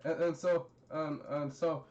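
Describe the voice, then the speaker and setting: A young man recapping a story in a halting, rambling way, full of fillers and silly quoted voices. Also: on the high side, flat delivery, a little mellow. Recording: dull lo-fi recording.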